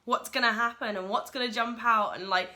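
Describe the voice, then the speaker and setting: Woman rambling through a movie review, bright voice, lots of likes and ums. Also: fairly high pitch, fairly even intonation. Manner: rushed, chatty, lots of fillers. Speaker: film reviewer. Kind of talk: casual solo film review.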